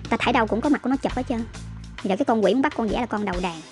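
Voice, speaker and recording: A woman narrates her vlog in a chatty, teasing voice-over. She talks at a breakneck clip in a slightly high voice, with music playing underneath. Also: darkish tone. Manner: chatty, teasing, rapid storytelling. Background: background music.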